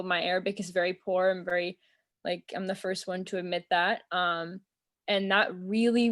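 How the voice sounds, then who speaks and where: On a video call from a small room at home, a young adult woman from the US answers as an interview guest in casual conversation. Her mid-range voice carries a relaxed, earnest and thoughtful tone, full of "um" and "like."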